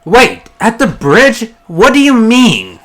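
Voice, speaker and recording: Co-host for a game let's play: hesitant, slow, wide pitch swings. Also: wildly swooping pitch, a bit bright. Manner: hesitant, slow, stumbling over words. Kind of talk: casual game commentary.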